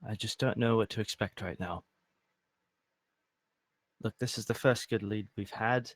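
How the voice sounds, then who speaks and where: A man's voice: lowish voice, unhurried, no room sound. A man playing a tabletop game in character, talking things through in an earnest, deliberating way. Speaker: player. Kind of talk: in-character tabletop role-play.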